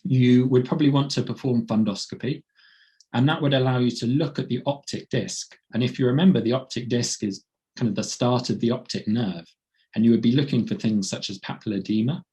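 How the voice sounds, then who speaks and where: A man with a croaky, cold-roughened voice presenting a medical teaching webinar in a plain explaining way. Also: mid-range voice, a little fast, warm tone. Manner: plain explaining, light laughs.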